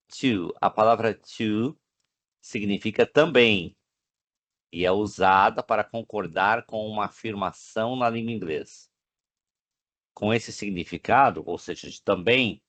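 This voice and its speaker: A man teaching an online English class in Portuguese with a Brazilian accent, drawing out the English examples slowly and checking in with the students often. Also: lowish voice, no echo. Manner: slow, drawn-out English examples, frequent "né?" check-ins. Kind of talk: online class explaining grammar. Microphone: video call.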